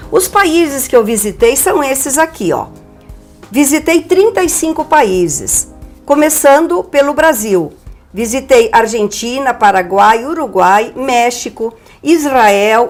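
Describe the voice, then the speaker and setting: A woman's voice: on the high side, a little slow, faint music behind. An older woman from Brazil, telling her story with energy as a guest on a TV interview. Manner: lively, animated storyteller.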